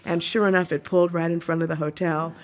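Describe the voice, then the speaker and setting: Older woman, singer, lively storyteller, laughs often, acts out voices. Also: fairly low pitch, fast talker. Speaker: singer, guest.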